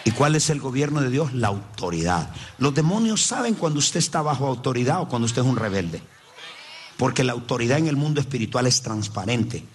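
A man's voice: mid-range voice, lively intonation, brisk, slight background noise. A man preaching a sermon, speaking emphatically and addressing the congregation directly. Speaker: pastor.

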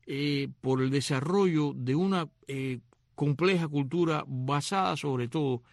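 A middle-aged Cuban man with a Cuban accent, hosting a casual, digressive talk and spelling words out slowly. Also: a little high, dry recording, clean studio sound. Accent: Cuban Spanish. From Cuba. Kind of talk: casual explanatory monologue.

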